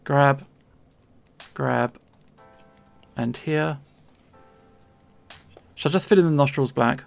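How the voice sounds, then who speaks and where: Soft background music accompanies a slow, medium-pitched voice as a streamer from southern England draws and chats. Her southeast English accent is precise, with T's pronounced and words articulated carefully, and her casual, playful manner is full of chuckles.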